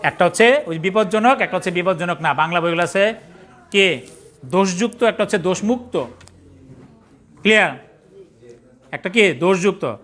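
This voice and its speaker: A Bangladeshi man leads a pathology class in a classroom, his voice pitched high and bright. He fires questions at the students and spells out medical words letter by letter. He jokes and scolds in a casual way. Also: lively intonation, moderate pace, long pauses. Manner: quizzing the class with call-and-response, spelling terms out letter by letter; scolding latecomers and joking in colloquial speech. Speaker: pathology trainer. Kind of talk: classroom lecture.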